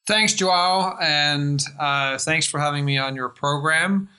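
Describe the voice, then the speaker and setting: A middle-aged man from Denmark with an American-influenced Danish accent, giving measured, thoughtful interview answers as a guest. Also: a little high, sharp tone, clear, resonant tone. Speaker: guest, life-science investor.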